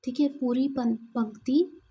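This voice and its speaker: A woman teaching an exam-prep lesson, explaining terms and reading verse examples aloud with pauses. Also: high voice, steady tone, mellow, slight background noise, poor audio.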